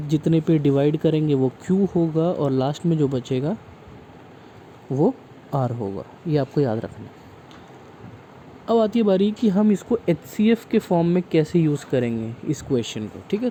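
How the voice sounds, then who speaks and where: A man's voice: a little high, mellow, a little hiss or hum, low-quality recording. A man teaching a math lesson, explaining step by step and checking in often with the class.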